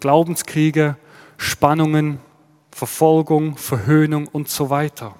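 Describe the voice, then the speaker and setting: A Swiss male pastor with a Swiss German accent delivers a sermon, explaining steadily and posing rhetorical questions to his listeners. His clear, resonant voice sits a little higher than most men's, he speaks slowly, and a long church-hall reverb surrounds the sound.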